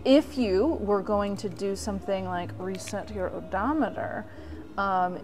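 A woman hosting a hands-on workshop tutorial, walking through each step slowly with frequent "um" pauses. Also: mid-range voice, darkish tone. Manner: explains step by step with many "um" pauses. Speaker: vlog host.

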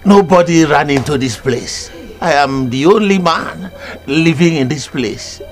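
Very old man, Nigerian accent, slow, irritable, cunning, film drama, light music behind. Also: a little high, expressive. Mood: indignant, pleading. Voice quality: very old man's voice.

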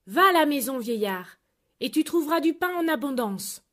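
A woman voicing a tiny magical golden fish that grants wishes, in a gentle, obliging way. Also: high voice, lively intonation, moderate pace, voice pushed up.

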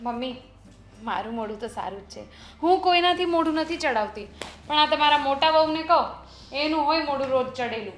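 An actress playing a younger daughter-in-law who argues back sharply and complains about doing all the housework. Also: female voice, sits high, animated, fairly quick. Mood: defiant. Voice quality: argumentative, retorting. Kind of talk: village family drama acting.

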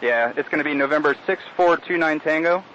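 A man's voice: a little high, fairly quick, fairly bright tone. A man, an airport operations officer, reporting to ground control over aviation radio. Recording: dull, faintly noisy radio transmission.

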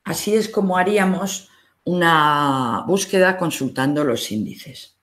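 Slow, patient instructor with a Spain accent. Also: medium pitch, fairly bright tone. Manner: patient step-by-step explaining. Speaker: university library instructor. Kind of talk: recorded online course, screen demonstration.

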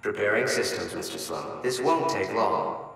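A man voicing an overly smooth, servile male holographic AI assistant who flatters his master, in a video game. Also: on the low side, normal speed. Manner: too smooth, fawning, flattering. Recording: echoey and distant with game music behind.

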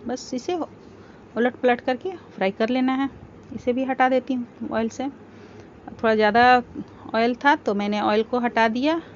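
A woman hosting a cooking channel, calmly explaining each step of a home recipe in a voice-over. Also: a little high, a little slow. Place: home kitchen. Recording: slightly dull home recording with faint background hiss.

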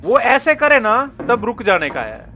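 A man's voice: high-pitched, huge pitch swings, a little slow, pushed and bright, soft background music. A young man casually commentating a game as he plays, joking and teasing the enemies on screen. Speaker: gaming YouTuber. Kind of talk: casual Hindi gameplay commentary.

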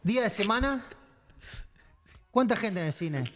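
An Argentine man in a casual group chat, teasing and quick to laugh. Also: sits high, animated, big-room sound, slight background noise. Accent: Argentine Spanish. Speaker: podcast panelist.

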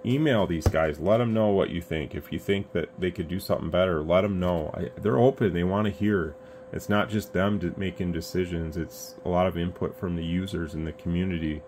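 A YouTube radio reviewer with a very deep voice talks to camera in a casual, rambling way, sharing opinions earnestly and fairly quickly. He's in an indoor room with a radio workbench, and clear, steady room noise is audible behind him.

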